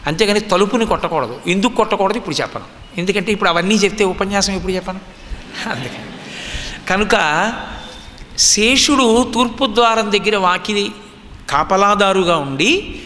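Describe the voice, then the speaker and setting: A man's voice: high voice, bright, forceful tone, slight background noise. A man from the Andhra region giving a religious discourse, teaching emphatically and asking rhetorical questions. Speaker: spiritual discourse speaker. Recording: long hall reverb.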